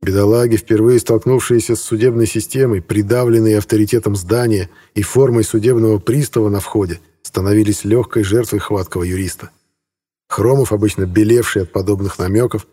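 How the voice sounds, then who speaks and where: Low, husky male audiobook narrator. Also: steady tone, fairly quick, mellow. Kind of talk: scripted narration.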